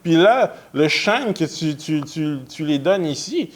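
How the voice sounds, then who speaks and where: A man's voice: a little high, expressive, slow. A man, co-hosting a podcast in casual, hesitant chat with English mixed in. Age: 20s. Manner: hesitant, restarts often, mixes in English. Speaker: podcast co-host.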